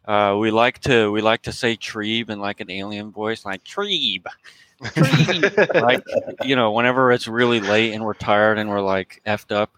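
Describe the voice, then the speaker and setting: Low-voiced man rambling and joking. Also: little pitch movement, normal speed, hardly any pauses, fairly bright tone, smooth, no room sound, rough recording. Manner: rambling, joking, many fillers. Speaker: crypto podcast co-host. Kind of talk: casual chat.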